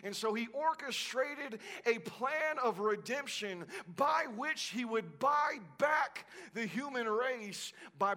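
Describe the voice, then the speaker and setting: A male preacher with a very high, bright voice and an unhurried delivery. He preaches with passion, climbing into shouts and then falling back to hushed, drawn-out lines. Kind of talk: sermon.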